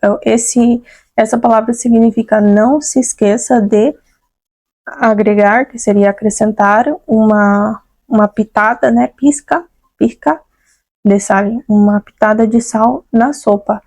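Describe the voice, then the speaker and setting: A woman's voice: fairly high pitch, steady tone, a little mellow, no room sound. A woman with a Brazilian Portuguese accent teaching a Spanish lesson, patiently repeating words and checking in with her students. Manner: patient, repeats words slowly, tags phrases with "né?" and "tá?". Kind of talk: online language lesson.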